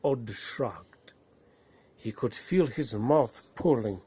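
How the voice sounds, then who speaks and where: With a husky, medium-pitched, animated voice, a man tells a bedtime story in an affected Norse accent. His phrasing is slow and dramatic, rising and falling to a hush.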